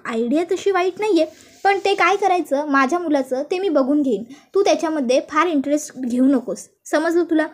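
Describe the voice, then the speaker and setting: A woman's voice: sits high, fairly quick, lightly acted. A woman voicing a stern middle-aged mother-in-law who scolds and gives orders. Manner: scolding, commanding.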